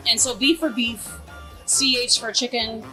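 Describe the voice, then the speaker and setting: Music plays in the background as a young American woman, a food truck chef from Greensboro and High Point, North Carolina, demonstrates cooking at a measured pace. Her voice is a little high with fairly even intonation, and she chats informally, enthusiastically and with plenty of slang.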